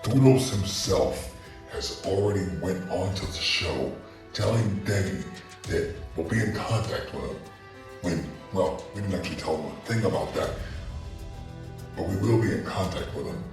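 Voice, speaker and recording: A man talking through a voice changer that makes him sound like a deep echoing robot, playing a weary henchman reporting to his boss. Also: lively intonation, moderate pace, distant mic, music in the background.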